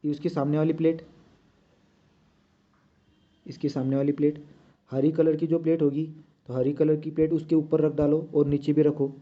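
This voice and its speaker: Talking as he draws, a man gives a drawing lesson and keeps checking with "right?" His voice is a little high and level, at a normal speed with frequent pauses, and the sound is dull and lo-fi.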